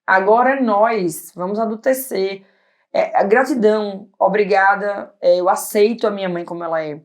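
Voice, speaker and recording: A woman in her thirties, a pediatrician guest on an interview show, talking loudly and animatedly in casual chat. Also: medium pitch. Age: 30s. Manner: loud, animated, talks fast and laughs easily.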